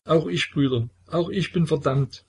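A man's voice: fairly low pitch, a little slow, a little mellow, breathy edge. A man voicing a young deserter recruit who stammers and pleads tearfully. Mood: sobbing, pleading.

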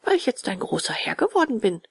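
A woman voicing a brave, earnest wooden puppet boy in a high, eager voice. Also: sing-song, fast talker, creaky, husky, no room sound, full character voice.

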